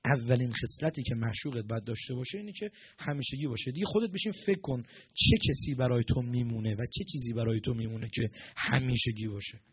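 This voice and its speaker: A man giving a storytelling sermon as a preacher, animated and acting out the characters' lines in dialogue. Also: medium pitch, slightly rough, lo-fi sound.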